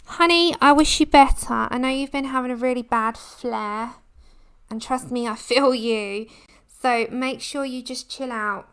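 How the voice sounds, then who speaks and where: A woman's voice: high voice, measured pace, clear, resonant tone. A woman chatting casually and rambling as she hosts a craft livestream, breaking off to talk to viewers. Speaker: livestream host. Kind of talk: casual craft livestream chat while colouring.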